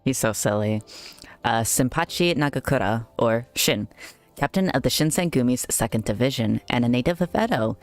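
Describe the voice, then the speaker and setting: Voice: medium pitch, lively intonation, normal speed. A young adult streamer giving casual, giggly commentary on a game and reading its text aloud. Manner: giggly, chatty, reacting aloud.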